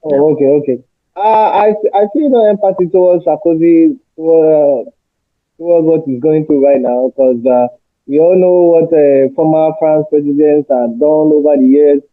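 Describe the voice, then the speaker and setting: A man's voice: on the high side, moderate pace, dry recording. A man speaking as a panel guest on a remote call, his voice muffled as if heard through a wall, hesitant with many fillers and restarts. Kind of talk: casual discussion. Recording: muffled, tinny call line.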